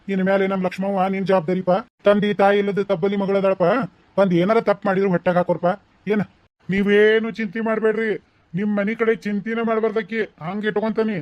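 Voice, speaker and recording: A man's voice: high voice, a little mellow, no room sound, natural voice. Man voicing a weepy old village grandfather. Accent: North Karnataka Kannada. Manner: fond, grumbling, pleading. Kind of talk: cartoon voice acting.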